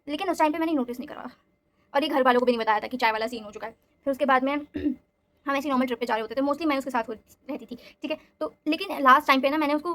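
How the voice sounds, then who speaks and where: A young woman telling a story in a casual vlog, animated and mixing in English phrases. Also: sits high.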